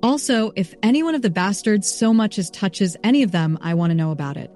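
A woman's voice: mid-range voice, lively intonation, brisk, dark tone, soft background music, lightly acted. A woman voicing a stern but kind man, a knight-like lord, who speaks in firm, commanding lines.

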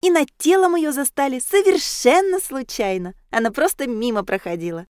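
A woman's voice: moderate pace, darkish tone, no echo, clean studio sound, lightly acted. A woman voicing a cheerful, bubbly teenage girl dressed as a mouse, talking in a chirpy, eager way. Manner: chirpy, eager, high-pitched.

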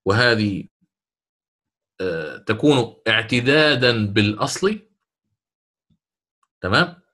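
A sheikh who teaches Quranic recitation explains a recitation poem during a lesson. He chants the verses slowly and checks on his listeners with quick questions. His voice is medium in pitch and a bit bright.

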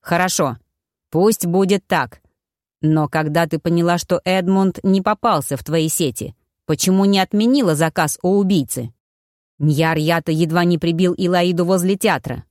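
Женщина изображает резкий злодей-аристократ. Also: female voice, on the low side, moderate pace, a little mellow, no echo, studio quality, natural voice. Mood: scolding. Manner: curt, scolding, snapping. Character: scheming male nobleman impostor, harsh and commanding.

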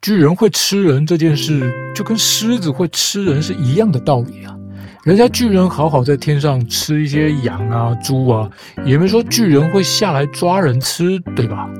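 With guitar music behind him, this man hosts a podcast and retells fairy tales in a playful, teasing, mock-reasonable manner. He speaks at normal speed in a fairly high, animated voice.

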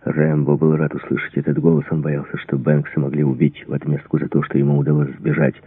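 A man with a very deep, husky voice narrates an action audiobook in a steady, measured way. The sound is thin and phone-like, and very dry. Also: no room sound. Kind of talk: scripted narration.

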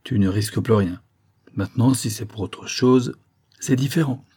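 A man's voice: medium pitch, normal speed, warm tone, slightly rough. A man voicing a blunt female police captain. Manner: blunt, slangy, matter-of-fact.

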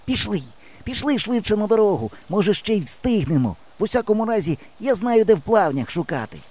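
A man voicing a cocky, quick-tempered village boy in an audiobook, bossy and quarrelsome. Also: sits high, very animated, pitched above the performer's own voice. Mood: urgent. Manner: bossy, quarrelsome, shouting across distance. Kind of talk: audiobook character voice.

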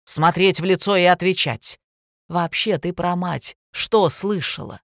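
A bitter, drunk middle-aged woman from an audiobook, loud and scornful, stretching her words out slowly, as a woman reader puts her on. Her voice is dry and close, without room sound. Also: fairly low pitch, expressive, no room sound. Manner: shouting, mocking, drawn-out slow delivery.

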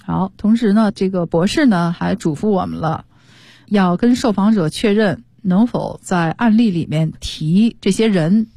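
A woman's voice: medium pitch, a little slow, dark tone, dry recording. A woman teaching English on a radio lesson, explaining patiently and spelling words out. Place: radio studio.

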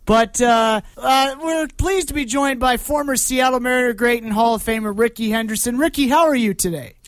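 Comedy radio host, man, high pitched, close dry mic, exasperated. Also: moderate pace, a bit bright, no echo. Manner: exasperated, amused.

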